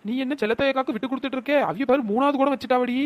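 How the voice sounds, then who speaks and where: A woman's voice: high voice, lo-fi sound. A woman voicing a scheming young village woman who stirs up quarrels at a water tap, speaking in a cartoon comedy. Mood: coaxing. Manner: scheming, scolding, quick village banter. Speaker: cartoon storyteller voicing the schemer Chinna Ponnu.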